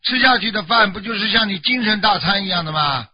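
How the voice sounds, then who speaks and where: A Buddhist master on a radio call-in show, explaining dreams to callers in plain terms and often checking whether they understood. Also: male voice, sits high, expressive, brisk, slightly rough, no room sound, highs cut off.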